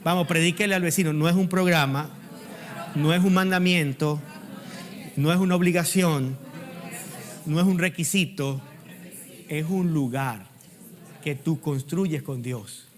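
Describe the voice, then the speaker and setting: A middle-aged man preaching a sermon as pastor, urging the congregation to repeat after him and swinging from loud emphatic peaks to quiet asides. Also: a little high, a little slow, pauses often. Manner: preaching with call-and-response prompts to the congregation.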